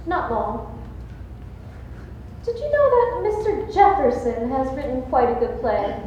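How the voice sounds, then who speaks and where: A woman's voice: high voice, sing-song, unhurried, warm tone, a little hiss or hum. Woman playing a dry, sardonic secretary. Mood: wry. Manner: dry, wry delivery. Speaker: stage actor. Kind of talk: live community stage play. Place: large auditorium stage. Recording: distant, dull, echoey hall sound.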